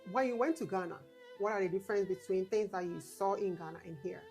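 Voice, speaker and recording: A woman's voice: medium pitch, fast talker, a little mellow, soft background music. A woman interviewing casually, encouraging and often rephrasing her questions as she goes.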